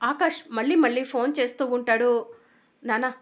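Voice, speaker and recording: A woman host narrates a serial's plot in a steady, even retelling. Her voice is high. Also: a little fast. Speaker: channel host recapping a serial. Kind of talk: storytelling plot recap.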